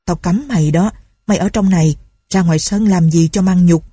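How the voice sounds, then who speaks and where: A woman's voice: lowish voice, fairly quick, mellow, breathy edge, no room sound, clean studio sound. A woman voicing a stern, wary older male landlord who gives curt orders. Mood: scolding.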